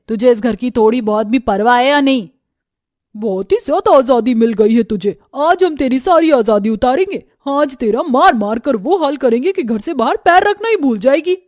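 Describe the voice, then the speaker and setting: A woman's voice: fairly high pitch, big pitch swings, moderate pace, dark tone, dry recording, clean studio sound. A woman voicing a cruel, scheming sister-in-law in a cartoon story, with harsh threatening talk.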